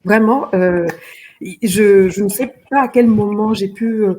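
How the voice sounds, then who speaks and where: A woman's voice: mid-range voice, a little slow, a little mellow, slight background noise. A middle-aged woman from Benin, a fashion designer, talking earnestly in an interview and often repeating words as she searches for them. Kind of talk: interview conversation.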